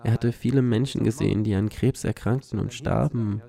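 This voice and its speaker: A man's voice: lowish voice, steady tone, normal speed, creaky, mellow. A man telling his own story earnestly as personal testimony, often dropping in a filler "ja". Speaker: cancer survivor sharing his story.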